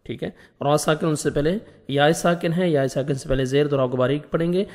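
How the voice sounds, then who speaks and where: A man teaching Quran reading, explaining each letter step by step and slowly reciting verses in a drawn-out, melodic way. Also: on the high side, fairly even intonation, darkish tone, long reverb tail. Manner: patient, step-by-step letter instruction. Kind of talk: tajweed lesson, slow recitation between explanations.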